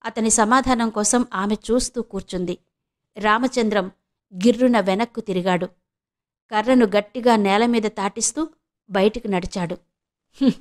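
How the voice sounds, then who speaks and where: A woman from Visakhapatnam narrating an audio novel in a steady, measured storytelling manner. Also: mid-range voice. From Visakhapatnam, India. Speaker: audiobook narrator and channel host.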